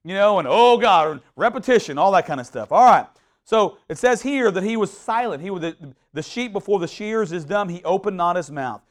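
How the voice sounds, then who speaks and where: A man preaching a sermon in an animated, conversational way, with frequent restarts and bursts of mock shouting. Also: high voice, a little fast. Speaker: pastor.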